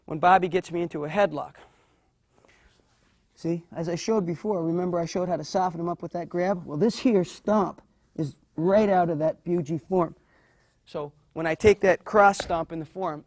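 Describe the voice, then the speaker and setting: A man teaching a martial arts class with a fairly high voice. He explains each move while he shows it on a partner. The recording is dry and close. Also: dry recording. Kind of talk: instructional demonstration.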